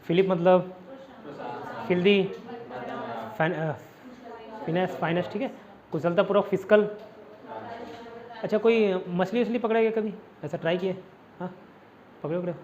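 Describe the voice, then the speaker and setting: A man's voice: sits high, steady tone, normal speed, pauses often, darkish tone, lo-fi sound. Chatty male teacher explaining vocabulary. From India. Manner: chatty, repetitive explanations with rhetorical questions. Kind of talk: casual classroom vocabulary lesson.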